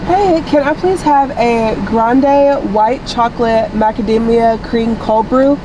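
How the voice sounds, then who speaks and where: Speaking slowly, a young nursing student chats and rambles to her camera in a coffee shop and in her car, with plenty of "y'all." Her voice has dropped lower than normal since she lost it, and the noisy background carries the hum of air conditioning.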